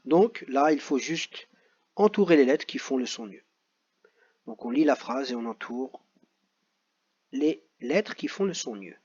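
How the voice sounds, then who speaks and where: A man teaching young pupils, reading out exercises and saying each word slowly twice. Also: on the high side, a little mellow, breathy edge. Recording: dull lo-fi audio.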